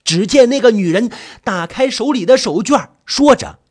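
Husky man telling a horror story. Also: very high voice, expressive, moderate pace. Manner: dramatic, shifting to panicked cries. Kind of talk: first-person horror story narration.

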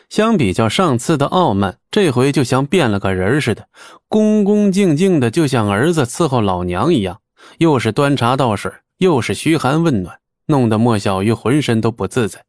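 Male audiobook narrator, mid pitch, steady and even, dry close recording. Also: dry recording.

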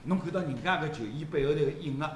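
A man's voice: a little high, quick pace, echoey room, slight background noise. A man with a Shanghainese accent, a sports commentator hosting a casual chat in a restaurant, laughing often as he tells stories. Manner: animated, laughing often, storytelling. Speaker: sports commentator and show host. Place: seafood restaurant.

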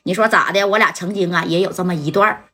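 A woman voicing a smooth-talking rich young man, who soothes people and boasts. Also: lowish voice, sharp tone, voice pushed down. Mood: commanding. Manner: soothing, boastful, drawn-out phrases.

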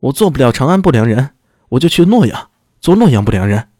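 A man's voice: medium pitch, big pitch swings, a little fast, mellow, no room sound, studio quality. A man voicing a stubborn, hot-headed young son who talks back in a raised voice. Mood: defiant. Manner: defiant, raised voice, talking back.

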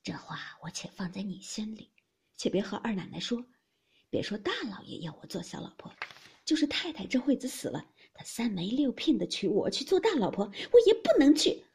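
A woman voicing a proud young maidservant who bursts out in sharp, indignant protest, with a husky, breathy voice. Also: mid-range voice, big pitch swings, brisk, heavily acted. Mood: scornful.

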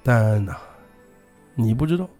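A man's voice: medium pitch, expressive, normal speed, warm tone, faint music behind, natural voice. A man voicing a jilted young woman who complains reproachfully and plaintively about being abandoned.

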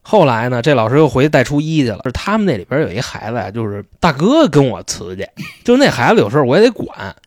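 A man tells chatty, slangy stories at a quick clip, his pitch bouncing up and down. He keeps asking his listener "you know?" The recording is close and dry. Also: very animated, dry recording. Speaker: podcast host. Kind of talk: casual storytelling chat.

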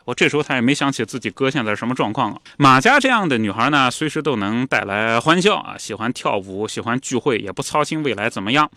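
Animated male storyteller, bright voice. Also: medium pitch, no room sound. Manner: animated, chatty, acts out the story. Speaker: podcast co-host narrator. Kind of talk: storytelling history podcast narration.

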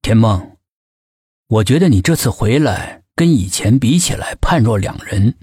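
A male storyteller voicing a terse, brooding police team leader who speaks slowly. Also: medium pitch, expressive, slightly rough, dry recording, studio quality, voice pushed down. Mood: guarded. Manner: slow, terse.

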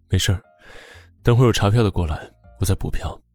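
A woman voicing a deep, composed young tycoon. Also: dry recording, faint music behind. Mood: calm tender. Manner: low, unhurried, quietly soothing delivery. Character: calm, wealthy young male tycoon, tender and composed. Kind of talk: audiobook character voice.

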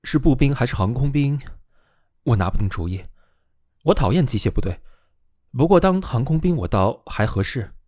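A man's voice: mid-range voice, animated, moderate pace, long pauses, a little mellow, no room sound, clean studio sound, natural voice. A man reading the lines of a brooding, restless young college student in a storybook reading, speaking in an agitated, questioning way. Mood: undecided.

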